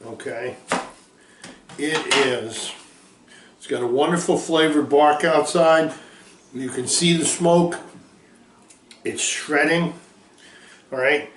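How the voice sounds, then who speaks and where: Cheery pitchman cooking on camera, slightly high voice, roomy kitchen sound with faint hum behind. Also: slow, long pauses. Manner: folksy, upbeat pitchman. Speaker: small food business owner. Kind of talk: cooking demonstration.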